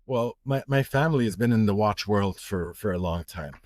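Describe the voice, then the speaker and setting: A man's voice: lowish voice, lively intonation, moderate pace, a little mellow, dry recording, clean studio sound. A middle-aged man from Egypt, a watch retailer, talking casually in a podcast interview with many fillers and restarts.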